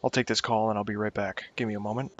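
A young man with a lowish voice chats his way through a building game, rambling, muttering and poking fun at his own slips. The sound is dull and lo-fi, like a cheap desk mic in a room at home. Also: flat delivery, fast, slight background noise. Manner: rambling, self-mocking, talks to himself while playing. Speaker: gaming YouTuber. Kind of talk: casual gameplay commentary.

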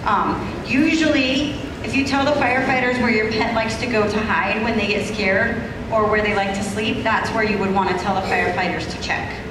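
A woman's voice: medium pitch, steady tone, normal speed, few pauses. A woman giving an instructive safety talk to young children, asking simple questions and answering them, over a microphone in a large indoor room. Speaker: firefighter safety educator. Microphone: handheld microphone through speaker, recorded from across room. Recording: very echoey hall PA, noisy room.

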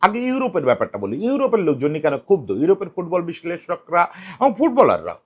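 Animated high-pitched man commenting on football. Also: fast talker, slightly rough, dull audio. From Bengal. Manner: animated, rhetorical questions, shifts pitch for emphasis.

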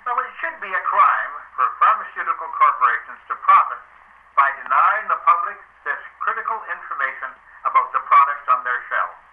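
A man's voice: on the high side, phone-quality sound. A man reading a prepared public statement as a foundation's spokesman, emphatic and challenging, captured on a dictaphone recording.

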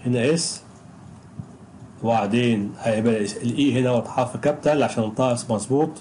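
An Egyptian man gives an English pronunciation lesson in a mellow, relaxed voice. He speaks patiently and says each example word slowly, again and again. A faint hiss sits under the recording. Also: medium pitch, rough recording. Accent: Egyptian Arabic. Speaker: English teacher.

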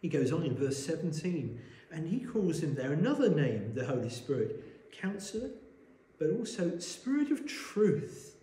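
A man preaching a sermon, explaining a Bible passage in a measured way and asking rhetorical questions, recorded in a church. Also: fairly high pitch, sing-song, dark tone. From Wales. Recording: echoey church room.

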